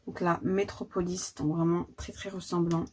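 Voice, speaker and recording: A woman's voice: lowish voice, flat delivery, moderate pace, darkish tone. A woman, casually showing her makeup collection in a vlog, chatty and full of fillers and repeated words. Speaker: beauty vlogger. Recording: noticeable background noise.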